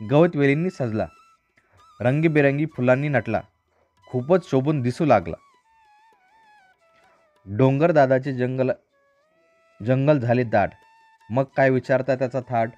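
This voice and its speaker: A man reading a children's story aloud in a calm, rhythmic storyteller manner. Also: mid-range voice, a little slow, pauses often, no echo, soft background music. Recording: dry, slightly dull recording.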